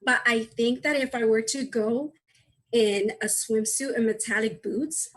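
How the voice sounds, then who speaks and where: Woman, 30s, husky voice, higher pitch, chatty self-deprecating stand-up, video call mic. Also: unhurried, rough recording. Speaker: stand-up comedian.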